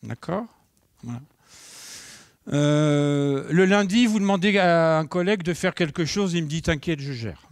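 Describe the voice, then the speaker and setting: A middle-aged man giving a live conference talk as a trainer, lively, acting out short dialogues and putting questions to the audience. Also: fairly high pitch, a little slow, dry recording, studio quality. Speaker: nonviolent communication trainer. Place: conference room.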